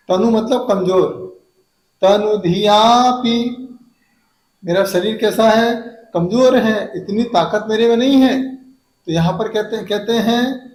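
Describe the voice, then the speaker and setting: Monk teacher, high voice, unhurried, drawn-out verse syllables with quick asides, echoey room. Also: male voice, darkish tone. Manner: stretches verse syllables slowly, then explains in quick asides. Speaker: Jain monk teaching hymn recitation. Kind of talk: devotional recitation lesson.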